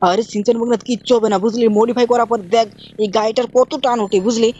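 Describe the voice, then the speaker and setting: A woman hosting a gaming channel, narrating her play with rapid, bossy banter in an uncle role. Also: a little high, flat delivery, warm tone, muffled recording, slight background noise. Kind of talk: game role-play commentary.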